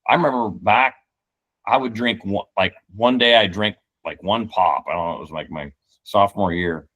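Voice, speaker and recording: Iowa man, 40, deep-voiced podcast guest, blunt and jokey. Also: moderate pace, fairly bright tone. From Iowa, United States. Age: 40s. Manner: joking, blunt, swears casually. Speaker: guest hunter. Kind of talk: casual podcast chat.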